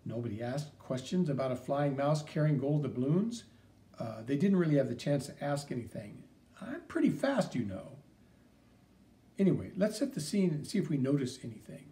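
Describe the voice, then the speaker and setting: An earnest, heroic flying cartoon mouse speaks with steady, encouraging confidence, as a man reading a storybook puts him on. His tone is mellow and warm, and his pitch moves in lively swings. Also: moderate pace, close to an everyday voice. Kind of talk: audiobook character reading.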